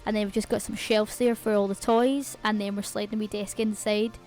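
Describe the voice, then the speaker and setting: A Scottish woman talks fast and casually as she narrates her own game build, aware of her quick pace. Her pitch stays fairly flat and even. Faint music plays softly behind her. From Scotland. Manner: fast-talking, chatty, self-aware. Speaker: channel host.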